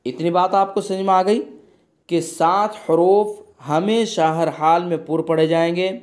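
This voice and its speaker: A man from India teaching an online Quran recitation class, explaining each rule patiently and chanting the example words slowly. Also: high voice, fairly even intonation.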